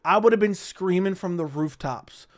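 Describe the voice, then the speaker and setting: A man's voice: high voice, unhurried. A young man hosting a casual livestream, rambling and swearing freely as he answers questions from the chat. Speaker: livestream host.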